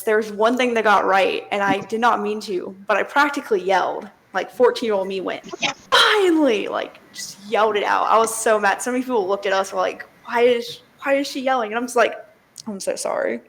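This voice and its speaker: Chatty young woman with a gravelly edge. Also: medium pitch, quick pace, few pauses, a bit bright, a little hiss or hum, poor audio. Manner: chatty storyteller, laughs easily. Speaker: podcast host. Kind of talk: casual chat.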